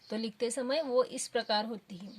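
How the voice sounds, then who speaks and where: A woman teaching young children, speaking slowly and patiently and sounding out each syllable. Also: fairly high pitch, husky. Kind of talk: children's lesson.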